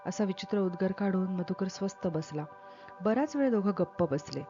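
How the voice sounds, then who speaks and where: A woman reading a novel aloud, with steady, measured storytelling. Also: mid-range voice. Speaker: reader. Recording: dull lo-fi with faint music.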